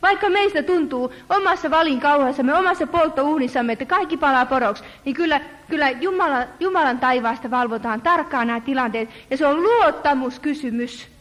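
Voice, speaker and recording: A woman with a high voice delivers an earnest sermon in a church hall. She calls her listeners friends and draws her words out to stress them. A long, ringing reverb trails after every phrase. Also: a bit bright. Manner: earnest, addresses listeners as friends, slows for emphasis. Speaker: preacher.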